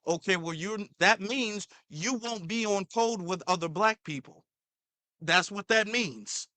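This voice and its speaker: A man's voice: high-pitched, a little slow, bright, forceful tone, dry recording. A man hosting a commentary channel, reacting to a clip in a heated, repetitive way, sometimes stumbling over his words.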